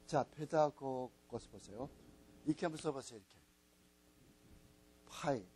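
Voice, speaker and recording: A man's voice: mid-range voice, unhurried, mellow, a little hiss or hum, poor audio. A man lecturing a class as a Bible teacher, patiently spelling things out and repeating key words. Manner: repetitive, coaxing teacher spelling out letters. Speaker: Bible teacher at a missionary training school.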